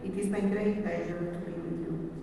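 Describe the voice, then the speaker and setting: A woman, a professor giving a formal, measured conference keynote. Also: lowish voice, fairly even intonation, vocal fry. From Italy. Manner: formal, measured, reading from slides. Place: large conference hall. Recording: echoey hall from far off, faint hiss.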